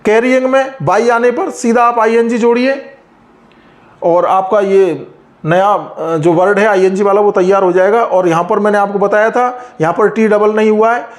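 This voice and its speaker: A man teaching an English grammar lesson, patiently explaining rules and slowly repeating example words. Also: sits high.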